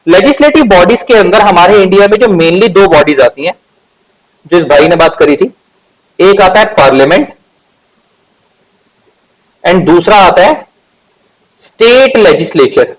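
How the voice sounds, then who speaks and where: A man's voice: high voice, lively intonation, unhurried, long pauses, low-quality recording. A man, teaching law in a chatty lecture and asking the class questions. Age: 20s. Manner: conversational, asks rhetorical questions, stretches key words.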